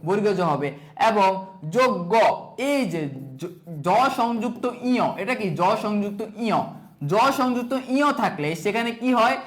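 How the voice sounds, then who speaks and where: Young male tutor, high voice, drills rules through question and answer, drops in English "okay" and "so". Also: animated, moderate pace. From Bangladesh. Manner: asks and answers his own questions, repeating rules; sprinkles English fillers like "okay" and "so". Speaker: exam prep tutor. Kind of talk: online exam-prep class.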